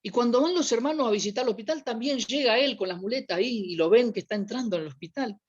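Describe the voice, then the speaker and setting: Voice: mid-range voice, quick pace. A preacher with an Argentine accent telling a church anecdote in a sermon, acting out the people in it. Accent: Argentine Spanish. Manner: anecdotal, animated retelling with voiced quotes. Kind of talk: storytelling sermon. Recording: dull lo-fi recording.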